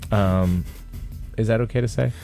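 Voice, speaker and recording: A man's voice: lowish voice, normal speed, creaky, dark tone, soft background music. A man hosting a casual talk show, joking and bantering with his guests. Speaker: show host. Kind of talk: casual chat.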